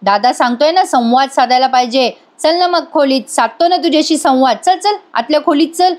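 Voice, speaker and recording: A woman voicing a shouting, bullying husband. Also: sits high, a little fast, close to an everyday voice. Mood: angry, mocking. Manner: shouting, mocking. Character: hot-tempered bullying husband, adult man.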